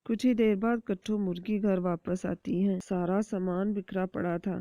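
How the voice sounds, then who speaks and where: Woman narrating a cartoon story, mellow tone. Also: medium pitch, no room sound. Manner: calm, even storytelling. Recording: dry, dull lo-fi recording.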